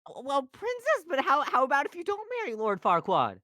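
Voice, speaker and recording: A woman's voice: sits high, huge pitch swings, a little fast, sharp tone, no room sound, studio quality, heavily acted. A woman voicing a jittery, talkative male donkey who stammers and rambles in an amateur fan dub. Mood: fumbling.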